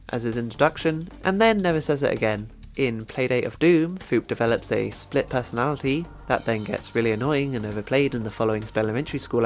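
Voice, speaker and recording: A man narrating a scripted video essay about a cartoon, wry and chatty in his commentary. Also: mid-range voice.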